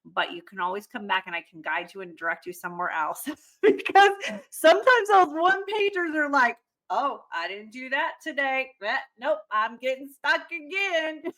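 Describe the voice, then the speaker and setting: A middle-aged woman co-hosting a podcast, chatty and animated, often laughing in casual talk. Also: high-pitched, normal speed. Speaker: podcast co-host.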